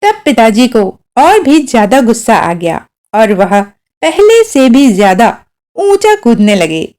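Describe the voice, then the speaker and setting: A woman reading a short story aloud as narrator, with expressive storytelling. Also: a little high, takes it slowly.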